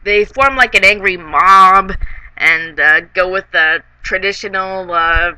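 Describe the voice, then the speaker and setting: A comedic reviewer of ambiguous sex sounds tipsy while recapping a film casually. The voice is very bright and sharp, at a middling pitch. Delivery is slow and halting, rambling along and trailing off between thoughts. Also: clear, resonant tone, dry recording, low-quality recording.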